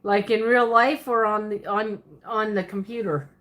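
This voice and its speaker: Steady and a little slow, her mid-range voice has a fairly bright tone. She's a Pennsylvania woman hosting a livestream, her Pennsylvania Dutch accent bent with a Southern twist, chattily rambling through viewers' questions with frequent laughs and self-corrections.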